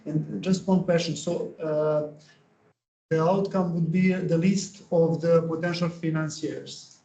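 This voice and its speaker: A man from the audience asking a polite, halting question at a conference. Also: fairly high pitch, fairly even intonation, gravelly, dark tone. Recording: echoey room, dull sound.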